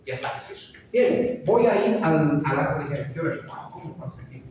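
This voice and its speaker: A woman's voice: low voice, lively intonation, fairly quick, noisy background. A woman doctor lecturing medical students, mixing clinical anecdotes into the lesson and often checking in with her listeners. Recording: echoey hall recorded from far off.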